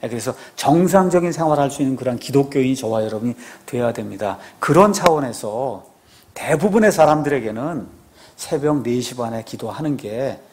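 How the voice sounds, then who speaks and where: A man's voice: medium pitch, a little mellow. A man, a pastor, giving a conversational sermon, asking his congregation rhetorical questions and often affirming himself with a short "yes".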